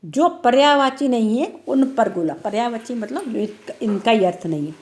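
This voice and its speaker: A woman's voice: fairly high pitch, lively intonation, normal speed, a little mellow. A woman teacher giving an online class lesson, explaining step by step and repeating each answer.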